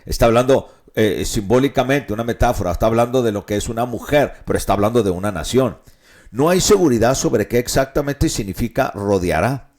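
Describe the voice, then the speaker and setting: Low-voiced man teaching the Bible. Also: a little mellow. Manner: explanatory, asks rhetorical questions and repeats points. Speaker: pastor. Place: radio studio.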